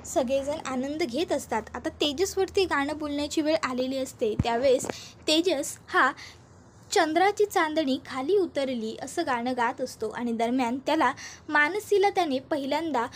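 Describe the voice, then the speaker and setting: A woman's voice: sits high, normal speed, slight background noise. A woman narrating a recap of a TV serial in a chatty storytelling manner, speaking to her viewers. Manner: chatty storyteller who addresses viewers and reads all the characters' lines.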